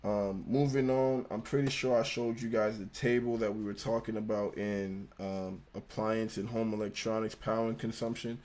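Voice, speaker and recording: A young American man with a slight lisp hosts a casual livestream, reading an engineering textbook aloud while he studies. His voice is fairly low, steady, and darkish, at normal speed with hardly any pauses, and he's laid-back and slangy, stumbling and rereading lines.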